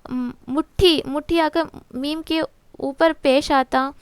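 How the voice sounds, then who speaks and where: A woman's voice: high-pitched, fairly even intonation, dry recording. A woman teacher walks through a textbook lesson, asking and answering her own questions and mixing in English terms. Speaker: exam-prep teacher.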